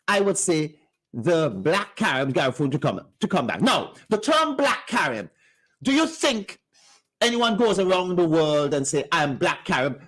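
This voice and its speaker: In a radio studio, a male co-host of a talk show lectures insistently and talks over the others during a heated discussion. His voice sits high with a fairly bright tone.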